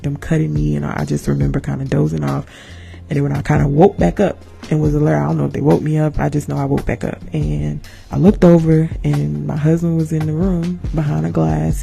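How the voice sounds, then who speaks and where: A woman in her thirties tells a personal story on her podcast, jumping into the voices of the people in it and talking straight to her listeners. Her voice is warm and mellow with a gravelly edge. Faint music plays underneath. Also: deep voice. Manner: animated, acts out the people in her story, addresses listeners as y'all. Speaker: podcast host. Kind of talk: storytelling monologue.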